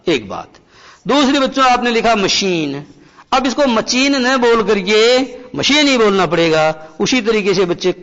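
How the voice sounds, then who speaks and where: A man's voice: high voice, in a large hall, dull audio. A male teacher with a Rajasthani Hindi accent gives a classroom lecture, asking his pupils questions and answering them himself. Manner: reads English lines very slowly.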